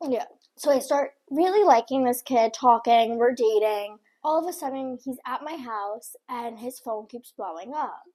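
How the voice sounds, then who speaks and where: Raspy, higher-pitched young woman telling stories. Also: normal speed, warm tone. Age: young adult. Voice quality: raspy, smoker-like gravelly voice. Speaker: podcast co-host telling a story. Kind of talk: casual conversational storytelling.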